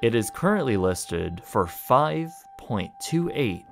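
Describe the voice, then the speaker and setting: A man giving measured, matter-of-fact scripted documentary narration. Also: medium pitch, very animated, creaky. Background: music.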